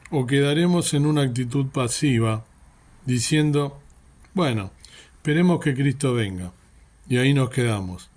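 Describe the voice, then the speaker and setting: A man's voice: mid-range voice, a little mellow. A man giving an earnest sermon reflection, often asking rhetorical questions. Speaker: preacher.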